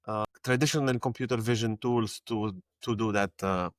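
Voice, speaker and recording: As a guest on a podcast, a young Lebanese man who heads growth talks casually in a fairly low voice at normal speed. He often repeats words while thinking, and there's no echo in the recording.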